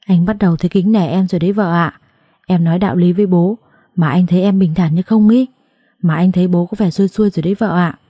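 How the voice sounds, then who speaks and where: A meek young husband who coaxes and pleads in a soft voice, as a woman reads him. He, and the low, mellow voice sits dry and close in a spoken story. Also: steady tone, quick pace, husky, dry recording. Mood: placating. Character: meek, cowardly young husband who placates his wife.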